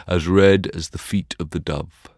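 A man voicing a solemn rose tree in a storybook reading, speaking slowly and gravely. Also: deep voice, fairly even intonation, a little mellow, no room sound, clean studio sound.

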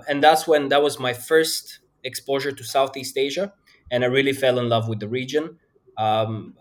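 A man in his thirties, from Bulgaria, a podcast guest telling his career story in a relaxed, hesitant way with many pauses. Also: mid-range voice. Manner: hesitant, many fillers and restarts. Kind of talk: conversational interview answers.

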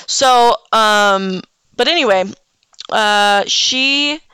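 A woman's voice: mid-range voice, very slow, bright, forceful tone, clean tone, no echo. A young woman hosting a casual solo podcast, rambling frankly with lots of "um" and "like", swearing often, yawning and hiccuping. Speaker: podcast host.

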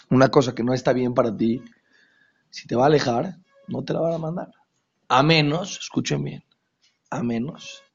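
A man teaching a religious lesson to an audience, stressing his points by repeating phrases and dropping into hushed asides. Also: mid-range voice, creaky, breathy edge. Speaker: Torah teacher. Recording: dull lo-fi recording.

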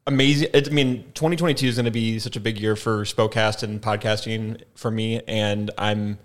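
A man's voice: fairly low pitch, steady tone, fairly quick. A man who produces the podcast, chatting in an easygoing, rambling way with many fillers. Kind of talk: casual chat.

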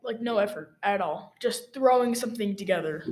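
A woman co-hosting a casual chat podcast, talking eagerly and quickly agreeing with her friends. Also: medium pitch, expressive, a little mellow. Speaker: podcast co-host.

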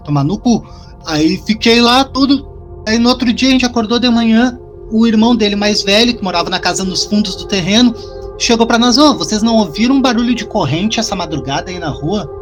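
A man spins a personal story in loose, profane, animated chat on a podcast. Music plays clearly behind him the whole time. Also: sits high, fairly quick. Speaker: podcast co-host telling a story.

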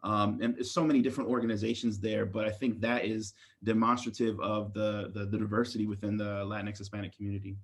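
A man speaking as a podcast guest, answering in a measured, thoughtful way with frequent fillers and restarts. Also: lowish voice, flat delivery, husky. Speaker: guest, assistant dean of students. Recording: dull lo-fi sound.

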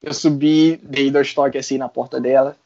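A man's voice: mid-range voice, moderate pace. Brazilian man telling a story, lo-fi sound. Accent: Brazilian Portuguese. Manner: animated, laughs often, mixes in colloquial slang. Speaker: interview guest. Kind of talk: casual storytelling. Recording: dull lo-fi sound.

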